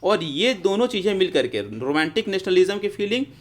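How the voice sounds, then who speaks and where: A man's voice: high-pitched, very animated, fairly quick. A male teacher, giving an explanatory history lecture and often calling his students friends. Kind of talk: classroom lecture.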